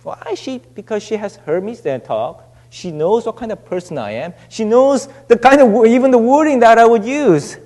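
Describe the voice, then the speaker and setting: A young male pastor preaches in a church hall, and long reverb trails after each phrase. His voice sits high for a man. He talks loosely and conversationally, restarting and filling gaps as he goes. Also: lively intonation, a little mellow. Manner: conversational, halting with many restarts and fillers. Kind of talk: sermon. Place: church sanctuary.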